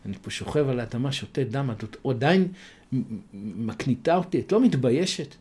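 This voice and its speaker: A man's voice: medium pitch, animated, a little mellow, breathy edge. Man doing an indignant old man. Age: older. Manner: indignant, complaining. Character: elderly man, indignant and easily fooled.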